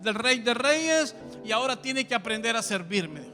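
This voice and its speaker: A man's voice: very high voice, expressive, normal speed, sharp tone, faint music behind, exaggerated voice. A man with a Honduran accent voicing an older male pastor who gives fatherly instructions, in a reverberant church hall. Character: older male pastor giving kindly orders.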